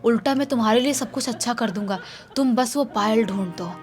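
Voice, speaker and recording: A woman voicing a lovelorn young male jinn who pleads softly and keeps reassuring. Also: on the high side, a little fast, soft background music, natural voice. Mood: pleading. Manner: soothing, insistent reassurance.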